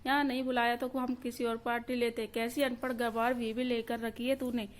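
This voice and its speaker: A woman narrating a family story in a steady, scripted storytelling voice. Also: on the high side, normal speed.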